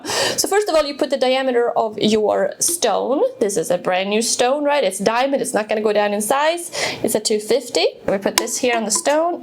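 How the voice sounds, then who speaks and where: In her home woodworking workshop, a Swedish woman with a fairly high voice walks through a tool demo for her video. Her casual explanations are full of fillers and restarts, and there is a slight hiss or hum.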